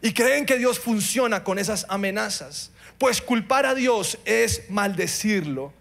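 A middle-aged man preaching a sermon, passionate, swinging between loud pleading and quiet moments. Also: high-pitched, animated, measured pace, vocal fry. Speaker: pastor.

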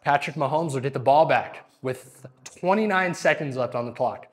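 A man's voice: mid-range voice, normal speed. A man trading jokes and casual talk while working out in a gym. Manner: joking, goofy, deadpan wordplay.

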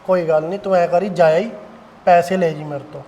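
Calm offhand husband. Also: male voice, high voice, brisk, in a large hall. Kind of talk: family drama acting.

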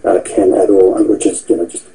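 Low dark-voiced man. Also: flat delivery, poor audio. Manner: halting, with many fillers. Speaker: event organiser.

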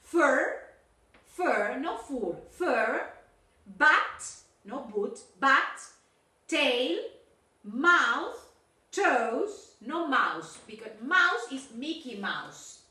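A woman teacher in a recorded video lesson, correcting homework. She stretches out English words slowly, then switches to quick explanations. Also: high voice, sing-song, sharp tone. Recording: roomy sound from a distance.

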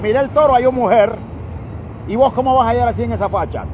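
A Honduran man who runs a charity channel bluntly scolds someone on a street at night, filmed on a phone, speaking Honduran Spanish. His voice is extremely high and he talks fast, with dull audio on a noisy night-street recording.

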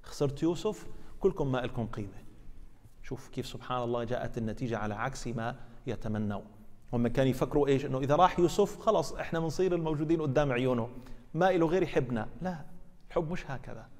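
Lively imam in an echoing mosque. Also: male voice, medium pitch, rapid-fire. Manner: lively, acts out dialogue, rhetorical questions. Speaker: imam teaching Quran commentary. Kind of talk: colloquial mosque lesson. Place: mosque hall. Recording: reverberant mosque hall.

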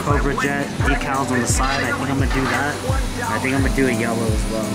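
Male car vlogger, 20s, American, slight lisp, casual delivery, handheld camera, loud music underneath. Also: medium pitch, steady tone, fast talker. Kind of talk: casual vlog chat. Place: in a car and outdoors in lots. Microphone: handheld camera at arm's length. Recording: loud music mixed over voice.

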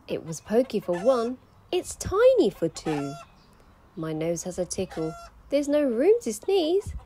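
A woman doing a fretful, squeaky little old lady. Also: wildly swooping pitch, measured pace, mellow, slight background noise. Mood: pleading. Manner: exclaiming, pleading, rising to high squeals. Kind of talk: storybook reading.

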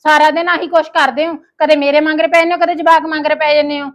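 A high-pitched, scolding village wife with a Punjabi accent, played by a woman. She nags her husband and his sister in a sharp, grumbling tone. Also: level tone, fast, natural voice. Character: nagging, jealous village wife, sharp-tongued. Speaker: quarrelsome wife and sister-in-law. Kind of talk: comic family drama acting.

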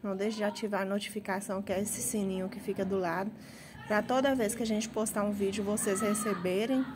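A woman's voice: medium pitch, steady tone, brisk. A woman from the interior of Minas Gerais, Brazil, with a Minas Gerais accent, chatting casually in her home garden and tagging her lines with filler words. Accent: Brazilian Portuguese, Minas Gerais. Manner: chatty, tags lines with "né" and "pessoal". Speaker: gardening vlogger. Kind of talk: casual how-to vlog. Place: home garden, outdoors by a street. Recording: faint street noise. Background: street noise, passing trucks.

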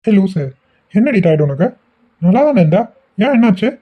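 A man's voice: high voice, animated, normal speed, breathy edge. A man voicing an affectionate young husband in a cartoon, pressing his wife with questions. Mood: coaxing. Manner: teasing, insistent questioning. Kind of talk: cartoon voice acting. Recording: tinny phone-like audio.

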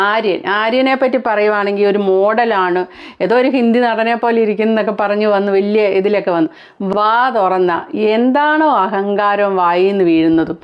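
A woman's voice: medium pitch, clean tone, muffled recording. A woman from Kerala giving blunt, critical reality-show commentary as a vlogger, full of rhetorical questions.

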